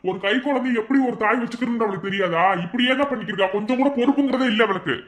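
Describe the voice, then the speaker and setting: A man's voice: very high-pitched, racing, a bit bright. A man playing a hot-tempered young husband who keeps blaming his wife in a family skit. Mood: angry. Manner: angry, accusing, quarrelsome. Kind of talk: amateur village drama acting.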